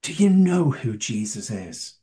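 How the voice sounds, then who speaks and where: Slow, husky preacher. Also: male voice, medium pitch, big pitch swings, mellow. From northern England. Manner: asks the listeners questions, emphatic. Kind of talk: sermon.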